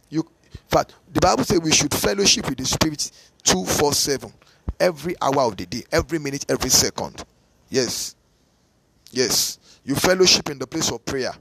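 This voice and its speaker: A man's voice: on the high side, creaky, fairly bright tone, no room sound. A man preaching a podcast sermon, emphatic and repetitive, answering himself with "yes" and "aha", and sometimes breaking into tongues. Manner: speaks in tongues at times.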